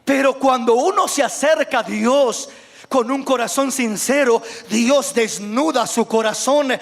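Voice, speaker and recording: A man preaching a sermon as pastor, impassioned, swinging from shouted lines to hushed ones. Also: very high voice, measured pace, creaky. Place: church.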